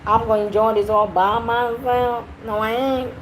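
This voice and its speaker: A woman's voice: on the high side, steady tone, moderate pace, a little hiss or hum, lightly acted, poor audio. A woman playfully hamming up a fake American Southern drawl, drawing the words out. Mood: teasing. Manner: drawling, playful, over-the-top.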